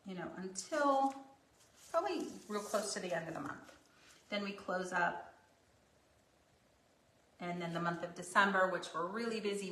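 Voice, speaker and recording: A woman's voice: lowish voice, a bit bright, a little hiss or hum. A woman teaching a craft painting project in her studio, chatting casually with rambling, joking asides. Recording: echoey room, mic at a distance.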